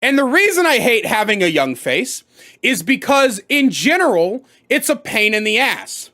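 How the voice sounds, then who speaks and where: Man, 30s, comedic storyteller, lively pitch, crude, loud bursts. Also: moderate pace. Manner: animated, swings to loud outbursts. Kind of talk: profane comedic storytime rant.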